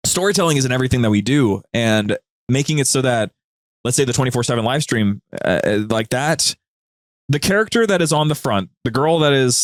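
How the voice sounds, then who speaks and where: This medium-pitched male voice comes through without any echo. As a guest on a podcast, and co-host of a media group's show himself, he talks in a relaxed interview style, telling stories with real enthusiasm.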